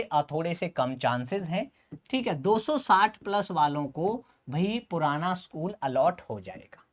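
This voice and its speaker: A man teaching as a coaching instructor, explaining at length, often checking in with the listener and pausing with "uh". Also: a little high. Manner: keeps checking in with "okay", frequent "uh" pauses. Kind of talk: explanatory lecture to students.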